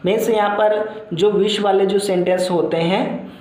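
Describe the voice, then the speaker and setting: A male teacher giving a classroom lecture. He explains in repetitive, circling phrases with many fillers, and reads English lines out slowly before explaining them. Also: sits high, fairly even intonation, darkish tone. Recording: very echoey room.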